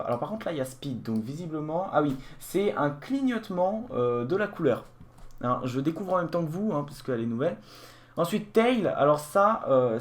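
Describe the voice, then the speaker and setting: Man hesitantly walking through a gadget. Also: a little high. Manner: hesitant, many fillers and restarts, explaining as he clicks. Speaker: tech reviewer. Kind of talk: casual product unboxing walkthrough.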